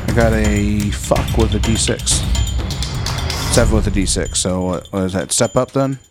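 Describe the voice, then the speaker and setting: A man's voice: fairly low pitch, normal speed, over music. A man playing a tabletop game, talking in a rambling, joking way. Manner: rambling, joking, many restarts. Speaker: player. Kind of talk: casual tabletop play.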